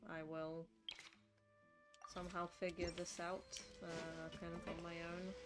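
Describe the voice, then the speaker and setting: A woman game streamer with a slightly low voice and a slow pace. She muses casually aloud over loud game music. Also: level tone. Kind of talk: casual gameplay commentary.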